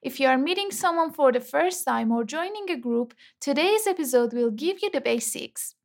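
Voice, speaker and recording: Brief: a woman teaching basic English, high-pitched, a little gravelly, careful model phrases. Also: lively intonation, normal speed. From Iran. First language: Persian. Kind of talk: scripted language lesson.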